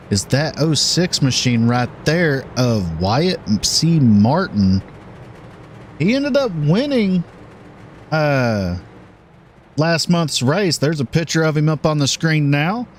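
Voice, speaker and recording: Animated male race play-by-play caller. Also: mid-range voice, slight background noise. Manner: lively, animated calling with filler pauses. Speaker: play-by-play commentator. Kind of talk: live race commentary.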